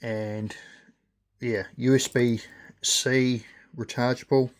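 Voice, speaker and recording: A man with a New Zealand accent giving a casual, unscripted product review in a halting, hesitant way with pauses. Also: mid-range voice, level tone. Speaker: gadget reviewer.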